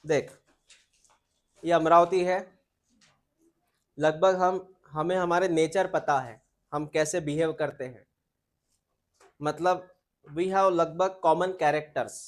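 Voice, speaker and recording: A man's voice: fairly high pitch, steady tone, slow, long pauses. A man teaching biology to a class, repeating points and asking students questions. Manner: repetitive, asks students questions.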